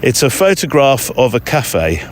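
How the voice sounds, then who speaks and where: A podcast host talks casually to his audience on a walk through an overgrown park, rambling and adding hesitant asides. His mid-range voice moves through big pitch swings at a measured pace, with a little hiss or hum behind it.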